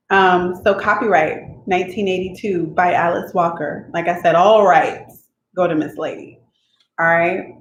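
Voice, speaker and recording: Before reading aloud on her book channel, a woman with a fairly low-pitched voice talks casually and emotionally at home with her cat close by. She keeps adding "okay?" to her sentences and says outright she expects to cry. There's an echo in the room and faint noise.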